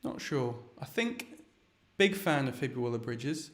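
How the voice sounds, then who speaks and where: A man's voice: mid-range voice, very animated, unhurried. A young man chatting casually as host, hesitant and rambling with many restarts. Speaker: video chat host. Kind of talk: casual chat.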